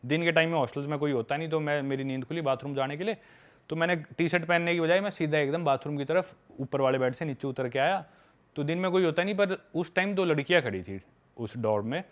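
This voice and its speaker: Smooth-voiced young man telling travel tales. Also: fairly high pitch. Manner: lively, frank, addresses listener as brother. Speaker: podcast guest, travel video maker. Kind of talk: casual storytelling chat.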